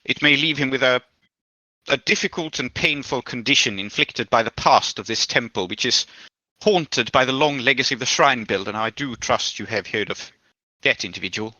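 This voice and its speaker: A man voicing Vickers, a courteous, formal schemer who speaks in a measured, faintly menacing way. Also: medium pitch, sharp tone, no room sound, lightly acted. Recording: dull, dry recording.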